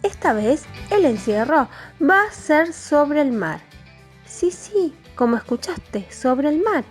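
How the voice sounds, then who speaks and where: A woman's voice: high-pitched, very animated, takes it slowly, faint music behind. A woman with an Argentine Spanish accent telling a Bible story to young children, in a sing-song, exaggerated storytelling manner. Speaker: children's Bible class teacher.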